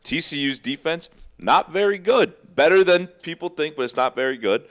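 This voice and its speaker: A man co-hosting a casual sports chat, blunt and quick to laugh, swearing freely. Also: a little high, expressive, fairly bright tone. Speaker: podcast co-host.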